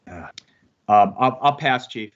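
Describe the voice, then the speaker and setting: A man serving as an appellate justice, asking questions over a video call whose audio keeps breaking up and freezing. He talks haltingly, in stop-start phrases. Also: medium pitch, lively intonation, dull audio.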